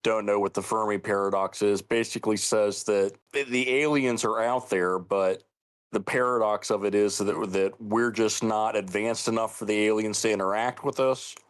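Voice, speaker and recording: A middle-aged man from the United States co-hosting a casual podcast, speaking earnestly and measured, often restarting his sentences. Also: lowish voice, fairly even intonation, smooth. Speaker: podcast co-host.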